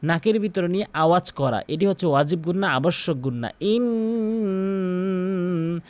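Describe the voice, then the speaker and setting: A man teaching a Quran recitation lesson, repeating each sound slowly so listeners can practise along. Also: fairly high pitch, lively intonation, no room sound. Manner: stretches out chanted recitation in a drawn-out melodic voice. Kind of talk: pronunciation lesson.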